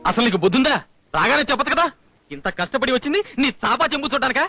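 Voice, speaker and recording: A man's voice: very high voice, very animated, very fast, sharp tone, no room sound, exaggerated voice. A man acting as a flustered, hot-tempered young husband in a dramatic film scene. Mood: angry. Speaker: son-in-law visiting his wife's family. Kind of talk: 1980s Telugu film acting. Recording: film soundtrack with music.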